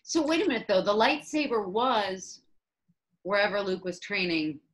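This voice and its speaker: A woman with a mid-pitched voice, co-hosting a relaxed podcast chat. She keeps things playful and keeps asking questions. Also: normal speed. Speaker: podcast co-host.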